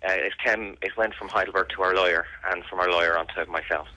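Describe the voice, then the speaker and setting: An Irish man, a bereaved brother campaigning for an investigation, answers a serious radio interview earnestly and insistently, repeating phrases to drive his points home. His voice is deep with a firm, bright edge, quick and fairly even in intonation. The rough recording is close and dry, with no room sound.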